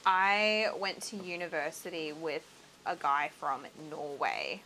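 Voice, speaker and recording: A woman's voice: low voice, slow pace, pushed and bright, a little hiss or hum, poor audio. A young adult woman with an Australian accent, hosting a livestream and chatting casually while she crafts, laughing often. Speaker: livestream host. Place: home crafting setup.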